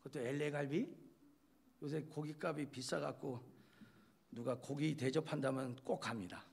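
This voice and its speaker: A man's voice: on the high side, steady tone, moderate pace, vocal fry, slightly rough. A male pastor giving a chatty, joking sermon, speaking straight to his listeners and acting out little quoted scenes.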